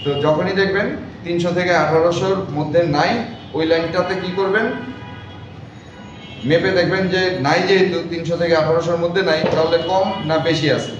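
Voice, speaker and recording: Speaking fairly quickly in a high voice with little pitch movement, a male repair instructor delivers a classroom lecture, repeating himself and regularly quizzing the room. The recording is dull, taken from far away in a very echoey indoor classroom with clear noise.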